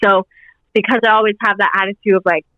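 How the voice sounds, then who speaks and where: This podcast guest, a woman in her twenties, has a medium-pitched, steady, fairly bright voice and talks fast. The interview is casual, and she rambles in an upbeat way with heavy use of "like"; the recording sounds dry and dull.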